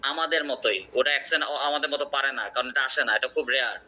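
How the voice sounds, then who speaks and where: A man's voice: medium pitch, fast, sharp tone. A man teaching an English class, explaining with examples and quizzing his students. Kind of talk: online class lecture. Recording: muffled lo-fi audio.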